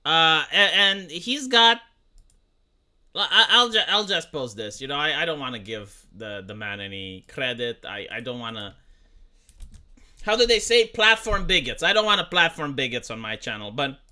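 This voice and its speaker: In casual livestream commentary, a Romanian streamer in their thirties rambles at chat, swearing and restarting in a stop-start way. Their mid-range voice has big pitch swings, a normal speed, and a bright, forceful tone.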